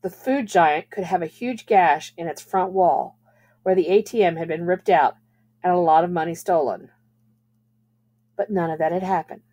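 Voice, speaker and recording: Low, mellow woman reading a novel aloud. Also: normal speed.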